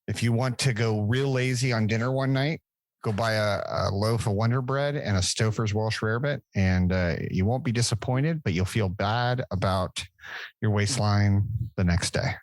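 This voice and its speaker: A middle-aged man co-hosting a podcast, chatting in a relaxed, rambling way. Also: fairly low pitch, no echo. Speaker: podcast co-host. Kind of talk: casual chat.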